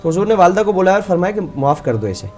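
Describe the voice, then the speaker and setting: A man's voice: sits high, very animated, darkish tone. A man as a religious scholar on a call-in show, earnestly telling a story and quoting its figures in his own voice.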